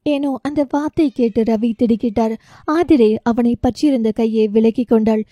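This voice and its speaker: A woman's voice: on the high side, steady tone, moderate pace, dark tone, no echo. A woman narrating an emotional family novel as an audiobook, voicing the dialogue lightly in her own voice. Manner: reads all parts in her own voice, barely shifting for characters.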